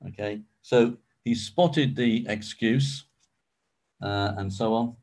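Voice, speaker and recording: Man, lowish voice, leading a Bible study in a relaxed conversational way, with plenty of ums and restarts. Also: takes it slowly. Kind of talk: informal teaching talk.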